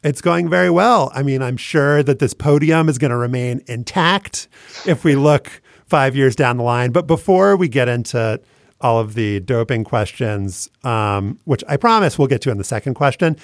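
A man's voice: mid-range voice, lively intonation, normal speed, gravelly, dry recording, studio quality. A man hosting a podcast in a conversational presenting style, with a dryly joking manner. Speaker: podcast host.

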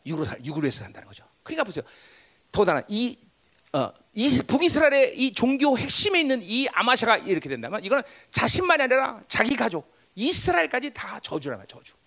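A middle-aged man preaching a sermon as pastor. He fires rhetorical prompts at the congregation and swings between loud declarations and hushed asides. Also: very high voice, wildly swooping pitch, fast, vocal fry.

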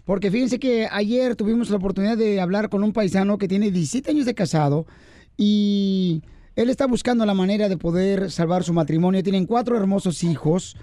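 Un hombre que presenta un programa matutino de radio, bromea y coquetea con las invitadas y presenta llamadas desde el estudio. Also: male voice, high voice, fairly quick, warm tone, no echo, studio quality. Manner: flirty, joking with guests. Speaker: radio show host. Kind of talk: radio morning show banter. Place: radio studio.

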